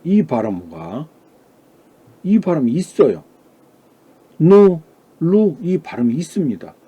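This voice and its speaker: A man's voice: medium pitch, big pitch swings, moderate pace, husky, muffled recording. A man giving a classroom lecture on Chinese pronunciation. He asks questions and answers them himself, and he sounds out model syllables.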